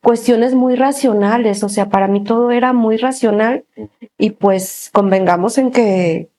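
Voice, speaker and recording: Speaking in a fairly high voice, a woman appears as an interview guest to give her faith testimony. She is an animated narrator who laughs a lot and pauses briefly throughout.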